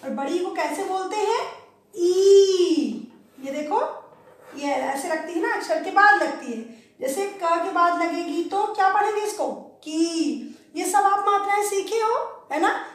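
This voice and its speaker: Slow high-voiced woman teaching in an echoey room. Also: far from the mic. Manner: patient, asks questions and answers them herself. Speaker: primary school teacher. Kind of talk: slow classroom lesson to young children. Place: classroom.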